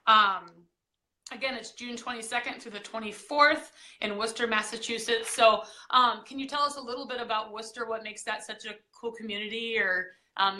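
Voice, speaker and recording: A woman's voice: mid-range voice, pushed and bright. A woman hosting an online interview, friendly and casual, with lots of "um" fillers over a video call.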